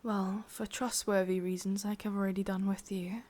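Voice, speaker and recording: An English-accented woman, performing a whispered ASMR roleplay monologue, voices an ancient witch who is possessive and wistful. Her mid-range voice is breathy and darkish, lightly acted with a flat delivery, as she confides slowly and intimately, musing with lingering pauses.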